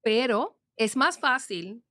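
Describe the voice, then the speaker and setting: Guest in her 50s, earnest and encouraging, slightly higher voice, dry close sound. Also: animated, takes it slowly, bright, forceful tone, no echo. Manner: earnest, encouraging, often laughing. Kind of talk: reflective conversation.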